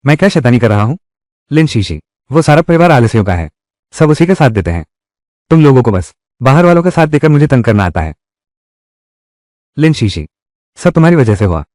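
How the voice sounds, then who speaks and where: Man dubbing a family drama, dramatic, swooping pitch, dry close sound. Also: very animated, a little fast, pauses often, darkish tone, dry recording. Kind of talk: Hindi-dubbed drama, one voice for all roles.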